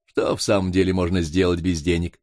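Man reading a self-assured baronet arguing, low voice, dry. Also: little pitch movement, a little fast, darkish tone, no room sound, natural voice.

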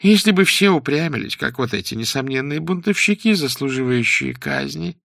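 A man reading aloud and voicing a sickly, melancholy, cruel chief judge of about forty, in a soft, slow, falsely mild voice. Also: mid-range voice, lively intonation, vocal fry, no echo, clean studio sound, pitched above the performer's own voice. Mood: pleased, menacing. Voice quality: soft, almost plaintive voice.

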